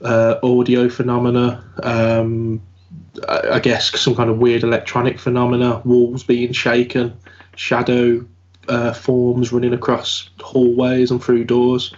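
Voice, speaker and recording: A man's voice: mid-range voice, completely flat delivery, a little slow, darkish tone. A man who investigates the paranormal, talking through his work in a casual round-table chat. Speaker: paranormal investigator and podcast host. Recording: dull lo-fi audio.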